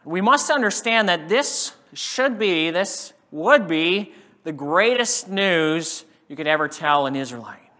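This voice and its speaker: Male preacher, sermon, dramatic delivery; bright tone, echoing hall. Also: on the high side, animated, takes it slowly. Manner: dramatic, acts out quoted speakers.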